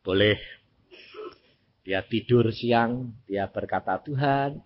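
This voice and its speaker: An older man from Indonesia, preaching a sermon in a storytelling way and acting out the dialogue in it. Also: takes it slowly. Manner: dramatic swings in pitch and loudness, acts out dialogue. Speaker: evangelist preacher. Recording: dull lo-fi recording.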